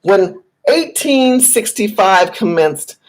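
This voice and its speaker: An American political commentator vlogger delivers impassioned commentary straight to camera, emphatic and repetitive, driving each point home as if lecturing. Her mid-range voice is animated but slow, and the audio quality is poor.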